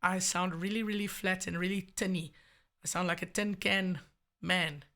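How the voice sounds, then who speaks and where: A man explaining a software setup in a casual tutorial, his voice made thin and tinny by an EQ filter. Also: high-pitched, normal speed. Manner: relaxed, loose explaining with fillers. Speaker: tutorial host. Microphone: desk microphone through audio plugin.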